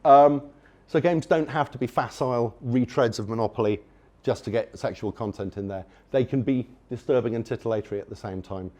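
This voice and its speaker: Standing before an audience at a conference, a man gives his talk at a slightly fast pace in a medium-pitched, darkish voice. He comes off enthusiastic and wry, though he rambles and keeps restarting.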